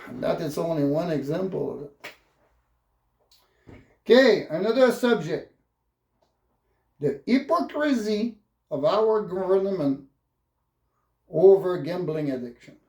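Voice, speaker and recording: An upset male vlogger, a native French speaker with a French Canadian accent and halting English, delivers an unscripted political rant full of profanity. His voice sits high and sounds animated, creaky, a little mellow, and reverberant.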